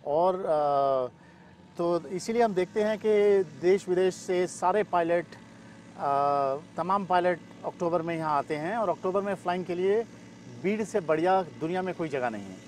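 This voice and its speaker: In a high-pitched, slightly mellow voice, a middle-aged man answers interview questions without hurrying, using some English terms. He is the guest: a paragliding pilot and weather expert for the event. The clip was recorded on an open grassy field in the mountains, with clear outdoor ambience.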